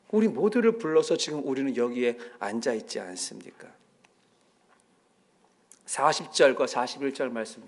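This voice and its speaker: A man preaching a sermon as pastor, telling stories and acting out the voices of the people in them. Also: mid-range voice. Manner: animated storytelling, acting out quoted voices. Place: church sanctuary.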